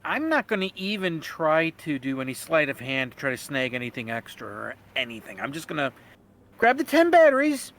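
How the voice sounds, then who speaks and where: A man's voice: mid-range voice, lively intonation, brisk, vocal fry, few pauses, pushed and bright. A man playing a tabletop game, casually describing his character's moves in a rambling, joking way. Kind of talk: casual role-play chat, describing his character's actions.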